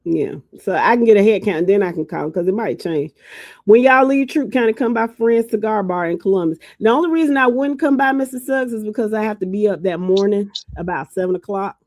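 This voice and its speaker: A woman's voice: medium pitch, expressive, fairly quick, a little mellow, no room sound, clean studio sound. A woman from Georgia co-hosting a podcast in casual chat, teasing and laughing often. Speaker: podcast co-host.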